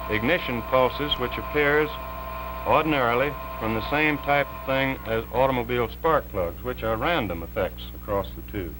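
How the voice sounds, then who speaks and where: A man, an electrical engineer, explaining a technical demonstration in a measured, plain way, heard as a 1950s TV broadcast. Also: medium pitch, noisy background. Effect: 1950s TV broadcast sound.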